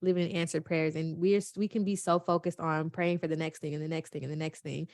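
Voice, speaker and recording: A woman's voice: low voice, steady tone, quick pace, a little mellow, no echo. A woman, talking in a heartfelt, emotional way, close to tears. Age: 20s. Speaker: podcast co-host. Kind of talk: casual chat.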